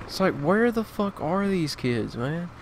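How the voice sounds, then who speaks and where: A man's voice: sits high, sing-song, unhurried, over loud music. Cursing, frustrated gamer man. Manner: swearing, frustrated, ranting at opponents. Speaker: gaming video creator. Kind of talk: gameplay commentary. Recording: game gunfire loud behind voice. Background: loud gunfire and explosions from the game.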